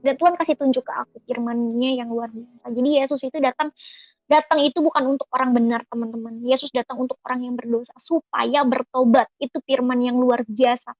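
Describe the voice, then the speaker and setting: High-voiced woman giving earnest testimony. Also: fairly even intonation, brisk, no echo, muffled recording. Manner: earnest, emotional, often addresses listeners as friends. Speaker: testimony giver. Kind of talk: personal religious testimony.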